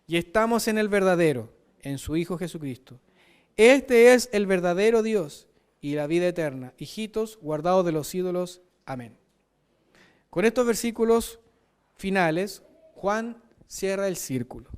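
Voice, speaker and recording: A man's voice: high-pitched, lively intonation, measured pace, smooth. A man with a Chilean Spanish accent preaching a sermon, emphatic and often asking "¿cierto?". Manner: emphatic, frequent rhetorical "¿cierto?".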